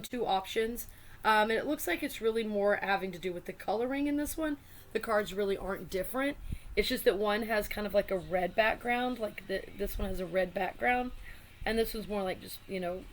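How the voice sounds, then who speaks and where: A woman's voice: medium pitch, vocal fry, slight background noise. A woman casually showing a deck of cards on her channel, chatty and rambling, full of fillers and asides. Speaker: tarot and oracle deck reviewer.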